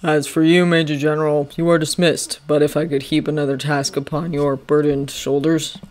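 A woman's voice: low-pitched, level tone, normal speed, a little mellow, natural voice. A woman voicing a stern older male general who gives firm, clipped orders. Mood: commanding.

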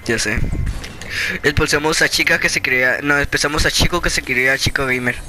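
A man chats playfully through a gameplay session, his voice sitting a little high. The capture is noisy, with game sounds and clicks underneath. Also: a little fast, pushed and bright. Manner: playful, joking, laughs a lot. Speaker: gaming video host. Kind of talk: casual gameplay chat with friends.

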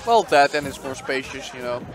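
A man's voice: mid-range voice, animated, fairly quick, crowd noise. A man giving casual, analytical play-by-play commentary on a fighting-game tournament match. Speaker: esports commentator.

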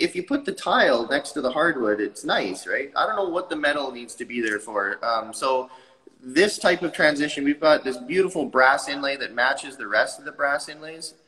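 A man's voice: a little high, in a large hall, rough recording. A man in his thirties, a tile company owner, talking enthusiastically on a video call from his showroom. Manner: enthusiastic, animated hand gestures. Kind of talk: casual interview talk. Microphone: video call webcam.

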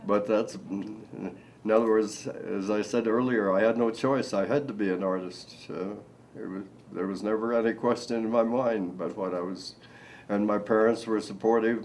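An older man with a somewhat low voice speaks slowly and haltingly, pausing often with ums and uhs. He is an artist from Nebraska giving a seated indoor interview. A faint low rumble sits under the recording. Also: fairly even intonation, darkish tone, rough recording. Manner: slow, halting, with many fillers. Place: indoor room.

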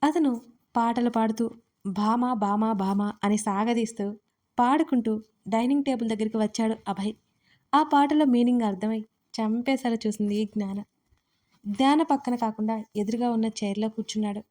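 A woman, the story's writer, narrating a romantic audio story in an expressive storytelling way. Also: a little high, fairly quick.

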